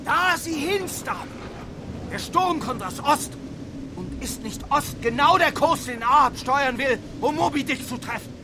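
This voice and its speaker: Earnest first mate for radio drama: high, urgent, over storm noise. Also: male voice, lively intonation, unhurried.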